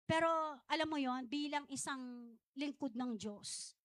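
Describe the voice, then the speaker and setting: In a measured pace and a voice that sits high, a middle-aged woman pastor from the Philippines gives a conversational church sermon. She strays into frequent chatty asides and often laughs at herself. The recording carries no room sound.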